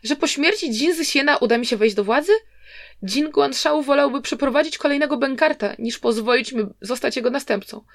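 A woman's voice: high-pitched, a little fast, no echo, studio quality, voice pushed up. A woman voicing a scheming young nobleman who pleads and questions defensively. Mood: plaintive. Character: scheming young nobleman, plaintive and self-pitying.

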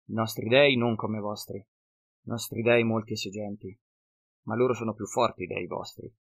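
A man voicing a cunning half-blood northern wanderer who speaks slow, broken, ungrammatical sentences in an audiobook. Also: fairly low pitch, fairly even intonation, gravelly, breathy edge. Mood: cunning, earnest.

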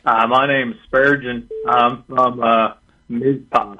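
An older man calling in to a radio show over the phone, talking in a hesitant, halting way with many fillers. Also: mid-range voice, little pitch movement, bright, forceful tone. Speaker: caller. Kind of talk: call-in radio talk. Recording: tinny distant phone line.

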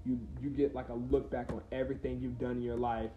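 Talking fast in a mid-range voice with little pitch movement, this podcast host, a man of about twenty, rambles and reflects through his solo episode, full of fillers and restarts. The recording sounds roomy and slightly dull.

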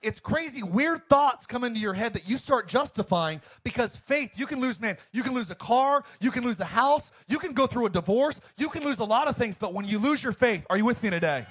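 A man's voice: very high voice, lively intonation, brisk, few pauses, husky. A male pastor preaching an emphatic sermon to his congregation. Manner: emphatic, preacherly, swings between loud and quiet.

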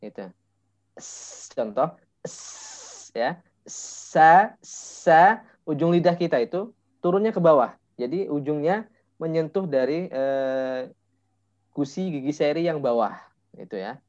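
A male Quran recitation teacher coaching a student one-on-one, patiently demonstrating sounds slowly and filling pauses with "eh". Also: fairly high pitch, animated, a little mellow. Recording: dull lo-fi voice message audio.

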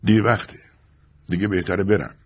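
A man's voice: on the low side, fairly even intonation, breathy edge. A man reading an audiobook, voicing a brusque, guarded young husband who speaks in short, clipped remarks. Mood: curt. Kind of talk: audiobook character voice.

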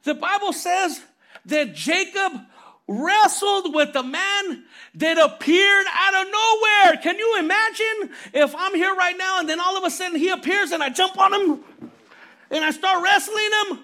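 A man preaching a lively, conversational sermon as pastor, telling stories animatedly and calling for amens. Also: very high-pitched, a little slow. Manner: animated storytelling, calls for amens.

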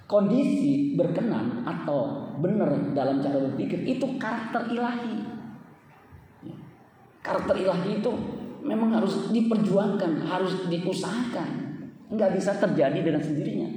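A man's voice: high-pitched, dark tone, slight background noise. An older man, a pastor, preaching a sermon in casual storytelling style and addressing the congregation directly. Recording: echoey hall, voice from far off.

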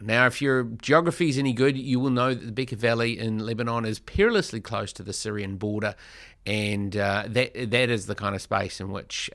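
A man introducing a podcast from a studio, relaxed and chatty. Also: lowish voice, no echo. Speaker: podcast host, charity director.

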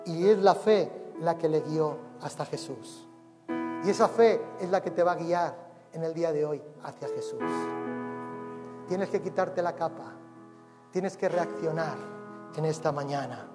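A male pastor, preaching a sermon with passion, swinging from loud cries to hushed tones. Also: on the high side, measured pace. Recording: long reverb of a hall, faint music behind.

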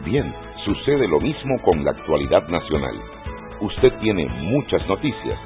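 A man's voice: sits low, sing-song, unhurried. A man announcing a radio show intro in a scripted promo read. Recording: narrow phone-like radio audio with music.

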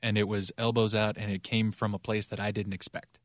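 A man's voice: lowish voice, flat delivery, a little fast, dry recording, clean studio sound. A man co-hosting a podcast, chatting casually and enthusiastically, rambling with many fillers. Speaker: podcast co-host. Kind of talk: casual chat.

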